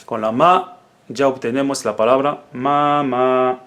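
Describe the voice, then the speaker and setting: A man whose first language is Arabic gives a calm alphabet lesson at an unhurried pace. He sounds out each syllable slowly and drills it again and again, the way a patient teacher does. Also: medium pitch. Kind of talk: slow spoken lesson.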